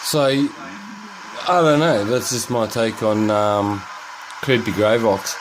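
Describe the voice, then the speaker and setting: A man's voice: lowish voice, slow, background noise. A man casually narrating a lockpicking and electronics demo, rambling and swearing as he thinks aloud indoors at home.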